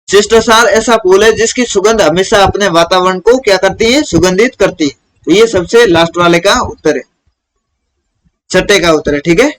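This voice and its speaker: A man's voice: sits high, fairly bright tone, low-quality recording. A man teaching a primary school lesson to children, who asks questions and answers them himself.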